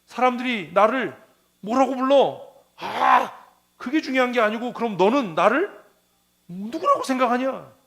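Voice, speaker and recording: A male pastor voicing Jesus gently questioning a disciple during a sermon. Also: very high voice, expressive, unhurried, creaky, pitched above the performer's own voice, exaggerated voice. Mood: probing.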